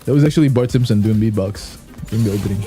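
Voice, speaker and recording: A male game streamer chats casually and jokes with his viewers. His voice has a dark, mellow tone, and he rambles and brags playfully. Faint music plays in the background. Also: fairly low pitch, racing. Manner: joking, rambling, self-boasting. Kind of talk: casual gameplay commentary.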